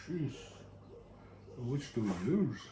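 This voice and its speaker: Picked up on a camera mic in his echoey home, where a faint hiss lingers, a man vlogs his computer build at a slow pace. His mid-range voice is expressive, though he sounds bored, muttering his thoughts aloud to himself.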